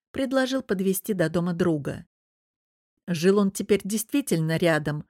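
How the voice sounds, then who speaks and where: A woman narrating a first-person novel as an audiobook in an even, measured way. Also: lowish voice, dry recording, studio quality.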